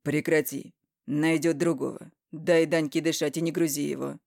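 A woman reading an audiobook voices a blunt, stubborn middle-aged husband with loud, curt retorts. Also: deep voice, flat delivery, normal speed, vocal fry, no echo, studio quality. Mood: gruff. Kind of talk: audiobook character voicing.

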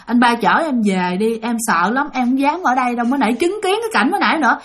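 A woman's voice: on the high side, lively intonation, fast talker, a bit bright. Woman playing a frightened, pleading young woman.

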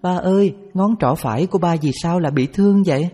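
A man's voice: high-pitched, fast, mellow, breathy edge, pitched above the performer's own voice. Man putting on a young daughter's scolding voice. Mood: questioning. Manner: earnest, questioning tone. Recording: reverberant with background music.

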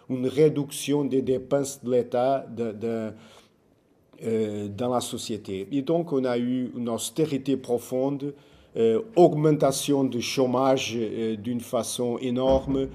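Male speaker for an informal talk: foreign, Portuguese accent in French, slow and halting, soft-edged mellow tone. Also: mid-range voice. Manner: foreign accent in French, halting delivery with searching for words and repeats. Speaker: speaker giving a political overview.

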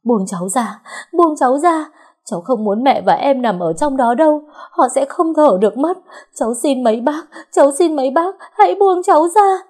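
A woman voicing a grief-stricken teenage girl, crying out in high, loud, sobbing pleas. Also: lively intonation, moderate pace. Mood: wailing.

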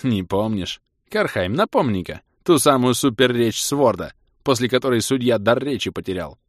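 A man voicing a gruff male prisoner who hisses and growls reproaches at his companions, in an audiobook. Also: mid-range voice, big pitch swings, normal speed, dry recording, clean studio sound, voice pushed up. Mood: grumbling.

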